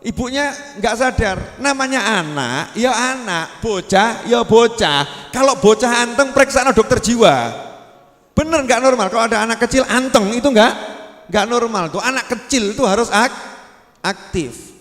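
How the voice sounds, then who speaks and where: Animated Javanese-accented preacher. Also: male voice, very high-pitched, normal speed. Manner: lively, asks the audience questions, acts out scenes. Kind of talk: religious lecture to a congregation. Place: prayer gathering in a large hall. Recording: long hall reverb.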